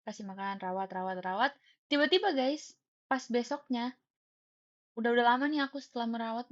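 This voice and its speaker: A young woman casually telling a story to her livestream viewers, animated, acting out the dialogue and jumping to high squeals when excited. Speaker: idol livestream host. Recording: slightly dull lo-fi stream audio.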